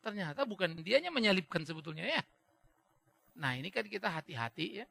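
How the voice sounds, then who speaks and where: Gravelly, animated preaching man. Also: high voice, brisk. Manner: animated, acts out little dialogues; drops in English phrases. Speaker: pastor. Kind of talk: sermon.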